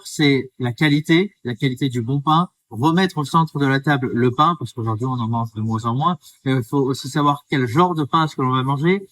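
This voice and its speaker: Earnest baker from the Drôme, set back from mic. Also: male voice, mid-range voice, far from the mic. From France, Drôme. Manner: earnest, explanatory, lively. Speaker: baker, guest. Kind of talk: interview answers.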